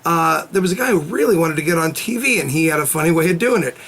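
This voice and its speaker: A man's voice: a little high, animated, fast talker, fairly bright tone, slightly rough. A man co-hosting a comedy show, telling a news story in rambling, giggly banter.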